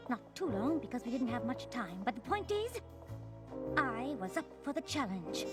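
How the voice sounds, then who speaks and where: A woman's voice: on the high side, big pitch swings, normal speed, loud music behind the voice. An actress voicing a fashionable, theatrical young female pony who plays detective and narrates the story. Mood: narrating. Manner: theatrical, refined, gushing over fabrics. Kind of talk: cartoon voice acting with narration.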